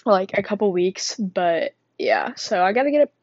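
A woman's voice: mid-range voice, expressive, measured pace, a little mellow, no room sound, highs cut off. Rambling teenage girl, out of breath. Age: teens. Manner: rambling, chatty, self-deprecating with frequent fillers. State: winded, out of breath. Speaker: student vlogger. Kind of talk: casual rambling monologue.

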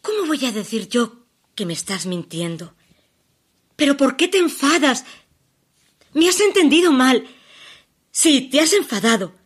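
An actress performing a stage monologue as a desperate woman pleading with her departing lover by phone, halting and emotional, shifting between hushed pleas and urgent outbursts. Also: high voice, very animated, slightly rough, exaggerated voice. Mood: weary, then anxious. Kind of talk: theatrical monologue.

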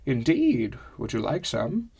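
A man voicing a calm older woman brewer whose voice cracks with age. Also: very deep voice, slow, gravelly, husky, exaggerated voice. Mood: wry.

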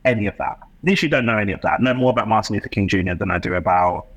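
This West London entrepreneur, a guest on a podcast, has a low, husky voice and races along in a fairly bright tone. Reflective and impassioned, he rambles in long runs and keeps restarting his sentences during the casual interview chat, and the recording quality is low.

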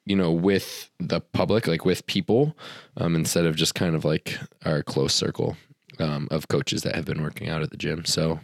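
A man's voice: very deep voice, flat delivery, moderate pace, creaky, no room sound, clean studio sound. A man co-hosting a podcast, a fitness coach chatting casually with plenty of fillers and restarts. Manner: rambling, many fillers and restarts. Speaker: podcast co-host. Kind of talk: casual chat.

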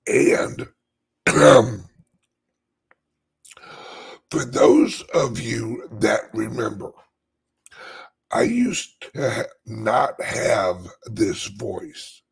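A man with a dry, scratchy voice like a smoker's rasp, chatting casually and haltingly to his viewers in a rambling way. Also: mid-range voice, big pitch swings. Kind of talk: casual live chat.

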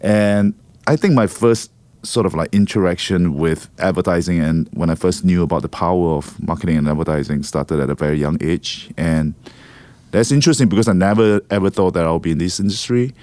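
Man, middle-aged, from Singapore, very low voice, reflective, dry close mic. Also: a little fast, a little mellow, no room sound. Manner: reflective, repeats words when thinking. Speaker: podcast guest. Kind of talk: casual interview.

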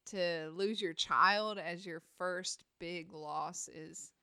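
A woman, softly and reflectively sharing a faith testimony. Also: lowish voice, slow pace, clear, resonant tone, dry recording, studio quality.

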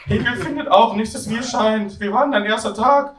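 A man voicing a dreamy, esoteric young woman flatmate with an airy, philosophizing manner. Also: high-pitched, a little fast, pitched above the performer's own voice. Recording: echoey room, from far off.

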